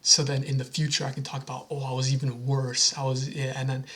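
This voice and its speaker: A man's voice: mid-range voice, completely flat delivery, quick pace, a bit bright. Earnest young man rambling to camera. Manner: earnest, rambling, self-motivating with restarts. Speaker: vlogger. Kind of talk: casual talking-head vlog.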